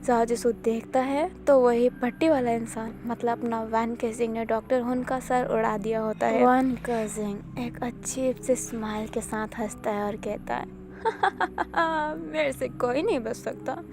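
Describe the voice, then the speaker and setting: A woman's voice: a little high, little pitch movement, unhurried, hardly any pauses, background noise. A woman narrating fan fiction in a casual, chatty way, mixing in English words.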